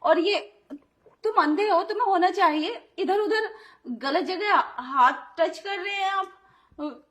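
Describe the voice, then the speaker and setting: An indignant young wife in a Hindi audio drama, played by a woman, scolding her brother-in-law with sharp protests. Her voice sits very high. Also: slow pace, full character voice. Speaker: voice actor.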